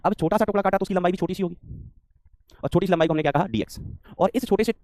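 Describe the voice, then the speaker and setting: A man's voice: high voice, rapid-fire, a little mellow, no echo. A man teaching a physics lesson online, scolding and teasing his students, often repeating his phrases.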